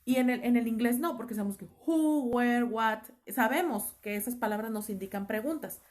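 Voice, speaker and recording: A woman teacher with a Mexican Spanish accent, explaining a class lesson with many fillers and pauses. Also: a little high. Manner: explanatory, lots of fillers like "este" and "eh". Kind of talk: online class lecture.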